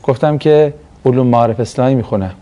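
A middle-aged man teaching a class, telling a story with lively delivery and acting out the voices of the people in it. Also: medium pitch. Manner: animated storytelling, acts out quoted voices, laughs. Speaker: teacher of Islamic studies class. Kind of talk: classroom lecture with anecdotes.

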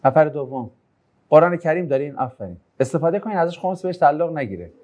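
Male preacher teaching a class, high mellow voice, recites verses, then bursts into exclamations. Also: muffled recording. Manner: animated, swings between soft asides and raised exclamations; recites Arabic verses then explains them. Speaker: religious teacher. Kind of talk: Quranic lesson sermon to a class.

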